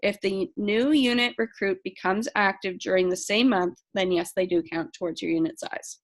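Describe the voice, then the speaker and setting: A woman's voice: mid-range voice, fairly even intonation, moderate pace. A woman casually walking a sales team through program rules, reading questions aloud and answering them with frequent ums. She says she is losing her voice. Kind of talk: casual training talk.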